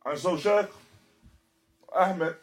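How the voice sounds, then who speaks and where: A male teacher delivers a religious lecture explaining a text, his voice sitting high. He speaks deliberately and with emphasis, using short repeated phrases and shifting into quotations in Arabic.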